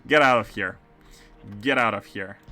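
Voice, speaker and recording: A man with a Russian-and-French-tinged accent streams a game, his low-side voice moving at normal speed over faint background music. He chats casually with many fillers and flashes of excitement.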